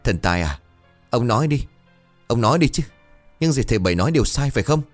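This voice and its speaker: A man's voice: medium pitch, lively intonation, fast talker, faint music behind, pitched above the performer's own voice, lightly acted. A man voicing a desperate, obsessed young man, frantic and pleading.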